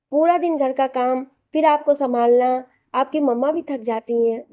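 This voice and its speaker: A woman voicing a kind young wife who speaks softly and affectionately. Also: high-pitched, dry recording, close to an everyday voice. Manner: soft, affectionate coaxing. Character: gentle young wife, kind and soft-spoken.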